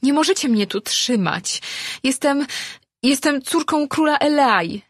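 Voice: sits high, lively intonation, unhurried, no room sound, studio quality, pitched above the performer's own voice. A reader voicing a frightened, defiant young daughter of a sea king, pleading and crying out. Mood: desperate. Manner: pleading, then shouting.

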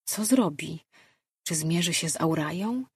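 Husky-voiced woman reading an audiobook. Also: on the low side, expressive, unhurried, a little mellow, no echo, clean studio sound. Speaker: audiobook narrator. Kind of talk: scripted fantasy narration.

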